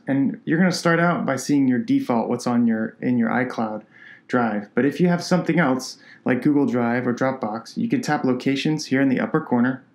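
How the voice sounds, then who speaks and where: A man with a nasal voice, a product designer, talking through a software tutorial step by step in a relaxed, conversational way. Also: mid-range voice.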